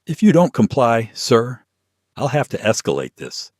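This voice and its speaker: A man voicing a smug male flight crew chief whose polished charm turns to quiet threat, in an audio story. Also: lowish voice, wildly swooping pitch, unhurried, no echo, studio quality, pitched above the performer's own voice, heavily acted. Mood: threatening. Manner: falsely charming, hardening to threat.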